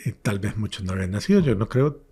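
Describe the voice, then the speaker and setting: A priest, an older man, earnestly telling his life testimony in an interview and dropping to a hush when recalling his prayers. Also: lowish voice, animated, quick pace, slightly rough. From Colombia. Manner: earnest storyteller, drops to hushed whispers when recalling prayers.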